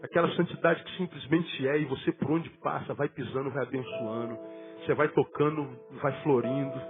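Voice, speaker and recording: Brazilian pastor guy preaching, funny and animated, music playing behind. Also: mid-range voice, normal speed. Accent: Brazilian Portuguese. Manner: lively, humorous preaching with acted-out asides. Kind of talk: sermon. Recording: tinny phone-like sound with music behind.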